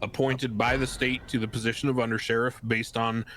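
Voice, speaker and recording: A man playing a diplomatic official in game role-play, making a formal announcement in a measured, hesitant manner. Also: medium pitch, level tone, fairly bright tone, a little hiss or hum, lightly acted.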